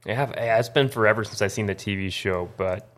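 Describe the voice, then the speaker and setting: A man's voice: lowish voice, fairly quick, fairly bright tone. A man co-hosting a casual movie chat in a studio, easygoing and saying yeah a lot. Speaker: podcast co-host.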